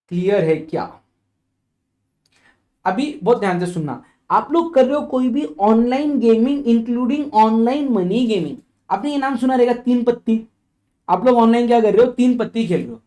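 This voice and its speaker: A man teaching a tax revision lecture, working through examples and often asking if it is clear, with English legal phrases read out slowly. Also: very high voice, mellow. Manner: explains with worked examples and checks for understanding.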